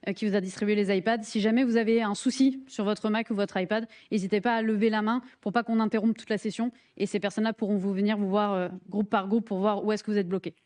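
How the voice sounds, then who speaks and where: A woman with a French accent presents a live hands-on workshop in a conference room, friendly and joking, with many fillers and restarts. Her mid-range, darkish voice is fast with fairly even intonation and hardly any pauses.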